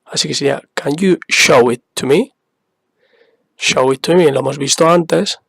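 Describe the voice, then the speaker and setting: Guy teaching english basics real slow, patient, repeats stuff, dry close sound. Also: a little high, creaky, a bit bright, slightly rough, no echo. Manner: patient, spells out examples and repeats them. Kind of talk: slow, careful explanation for beginners.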